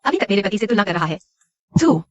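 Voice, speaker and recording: A woman playing a sharp-tongued young wife. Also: mid-range voice, very animated, fast, no room sound, lightly acted. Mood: scornful. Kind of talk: dubbed short drama.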